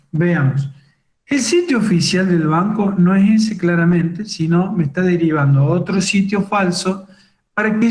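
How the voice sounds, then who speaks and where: A man's voice: fairly high pitch, darkish tone. A man giving an online lecture on cybercrime, explaining step by step with fillers like "digamos" and "fíjense". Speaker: webinar instructor on cybercrime. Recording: roomy echo.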